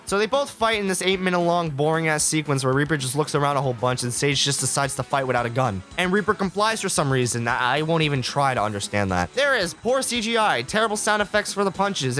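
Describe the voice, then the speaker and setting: A man with a slightly high, somewhat bright voice gives casual review commentary over background music, sounding like an online video host. His intonation swings widely as he complains with exasperated sarcasm and swears freely.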